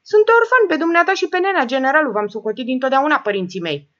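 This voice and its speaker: A woman's voice: sits high, lively intonation, fairly bright tone, muffled recording, voice pushed up. A woman voicing a nervous adult man, a whiny nephew who pleads and protests. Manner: whining, pleading.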